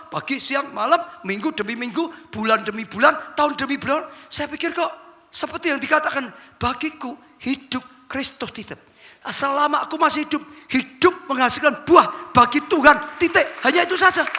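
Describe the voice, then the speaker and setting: A man preaching a sermon as a pastor, dropping to low asides and rising to shouted, high-pitched exclamations. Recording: echoey church hall.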